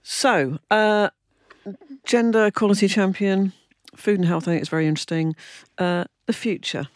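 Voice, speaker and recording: A woman hosting a podcast interview, chatty and quick to agree and prompt her guest. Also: mid-range voice, no echo. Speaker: podcast host. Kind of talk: casual interview chat.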